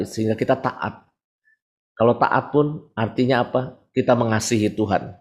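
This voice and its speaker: A man's voice: on the low side, a little mellow. Casual, frank priest in his forties. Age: 40s. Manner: conversational, frank, uses everyday examples. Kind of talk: sermon.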